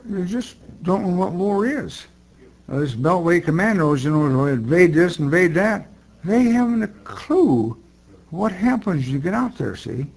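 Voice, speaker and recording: Elderly American male veteran, emphatic interviewee, creaky and high-pitched. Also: expressive, measured pace, low-quality recording. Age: older, 80s. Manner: emphatic, blunt. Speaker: war veteran. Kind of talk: interview recollection.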